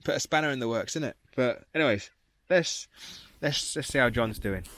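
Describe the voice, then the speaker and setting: A chatty man rambles his way through a casual outdoor vlog, correcting himself as he goes. His voice sits at an ordinary middle pitch, picked up by a handheld camera with faint noise behind it. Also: lively intonation, moderate pace, fairly bright tone. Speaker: crofter vlogger. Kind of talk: casual vlog walk-around. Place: outdoors on a windy croft.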